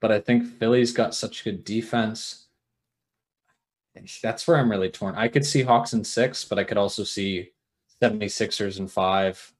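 A man's voice: lowish voice, steady tone, moderate pace. A man hosting a casual sports podcast, easygoing and jokey, steering the talk with questions to his co-host.

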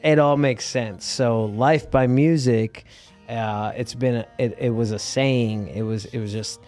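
A man with a hoarse, raspy, worn voice, telling stories casually and informally as an interview guest. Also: medium pitch, steady tone, a little slow, darkish tone, faint music behind. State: hoarse, losing his voice. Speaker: guest musician in a band. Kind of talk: casual conversational storytelling.

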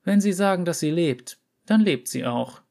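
A man reading an audiobook story, voicing a calm, unsettling female runesmith who speaks with measured authority. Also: high-pitched, vocal fry, pitched above the performer's own voice. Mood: calm, authoritative.

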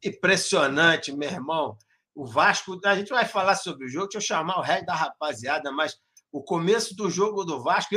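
A man hosting a casual live-stream football chat, loud and joking, swearing freely. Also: fairly high pitch. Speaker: show host.

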